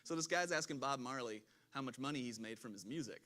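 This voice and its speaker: A man leading a relaxed Bible discussion as pastor, chatty, laughing and breaking off mid-sentence. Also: mid-range voice, fast talker. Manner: chatty, self-interrupting, laughs often. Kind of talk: conversational Bible study talk.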